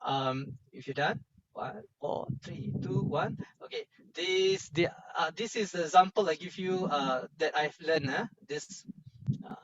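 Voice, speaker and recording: Higher-pitched Singaporean man teaching, slightly muffled. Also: a bit bright. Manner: colloquial Singlish particles, halting phrasing. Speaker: workshop lecturer. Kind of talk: informal online workshop teaching.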